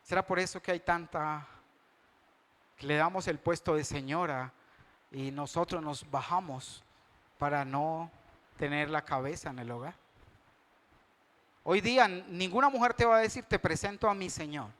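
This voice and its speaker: A man's voice: fairly high pitch, a little slow, pauses often, a bit bright. A man preaching a sermon as a pastor, talking conversationally and often putting questions to his congregation.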